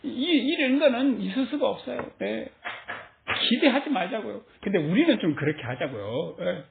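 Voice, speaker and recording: Animated woman preaching over a tinny line. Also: mid-range voice, moderate pace, creaky, a little hiss or hum. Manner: animated, acts out quoted voices, laughs often. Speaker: pastor. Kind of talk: sermon. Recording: tinny phone-like sound in an echoey room.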